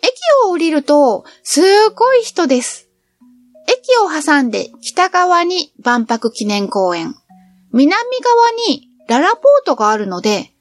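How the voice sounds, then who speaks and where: A cheerful, chatty middle-aged woman, a travel vlogger, recounts her travels a little slowly. Her high voice swoops in a lively, animated way, with faint music playing beneath her narration.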